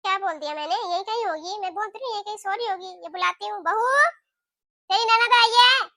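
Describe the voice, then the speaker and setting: A woman voicing a sharp-tongued, nagging middle-aged mother-in-law in a cartoon, talking in a scolding, taunting way. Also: very high voice, fast talker, vocal fry, no room sound, studio quality, heavily acted. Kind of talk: cartoon voice acting.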